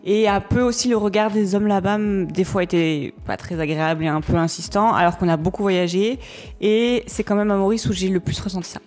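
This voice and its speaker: A woman's voice: medium pitch, fairly even intonation, fairly quick, a little mellow, faint music behind. A young woman chatting casually and colloquially with her partner. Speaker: co-host of a couple's channel. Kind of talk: casual chat.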